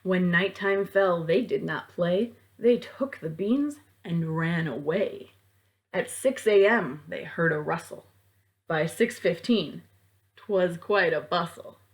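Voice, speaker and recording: A woman with a lowish voice, reading at a library storytime, performs a rhyming picture book for children in a theatrical, deliberate manner.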